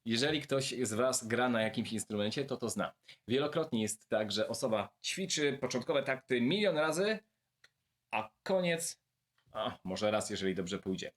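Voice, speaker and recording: A man's voice: mid-range voice, animated. Man, language teacher, video lesson, friendly, addresses viewers, drills words by repetition. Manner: demonstrates pronunciation by repeating words slowly.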